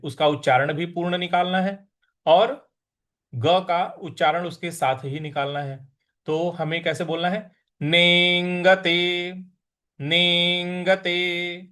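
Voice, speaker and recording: A man teaching Sanskrit verse recitation, chanting lines slowly and then explaining pronunciation quickly. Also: on the high side. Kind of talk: recitation lesson.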